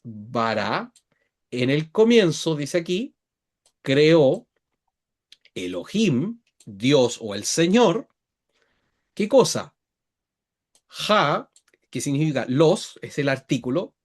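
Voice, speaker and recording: Explaining man, fairly high voice. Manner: patient explaining, checks in with frequent tag questions. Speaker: Bible teacher. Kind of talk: online Bible lesson with screen sharing.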